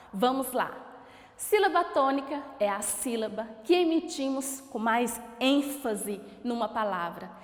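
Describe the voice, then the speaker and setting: A woman teacher giving a recorded school lesson, stretching out example words in a sing-song way to show their stress. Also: sits high. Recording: echoey room with long reverb.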